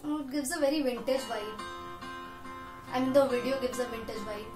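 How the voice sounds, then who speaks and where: Talking to camera from a small room in her home, this young adult reaction vlogger from India speaks Indian English at a normal speed in a slightly high voice. She's casual and self-deprecating, leaning on "so yes" fillers, while faint music and roomy echo fill the space.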